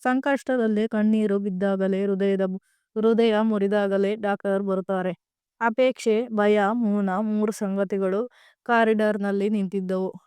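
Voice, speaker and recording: A woman reads a family drama aloud in a smooth, resonant voice. Her delivery is gentle and even, and she sometimes restarts a word. The close mic sounds dry, with no room around her. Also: mid-range voice, a little slow, dry recording. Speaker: storyteller. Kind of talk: scripted story narration.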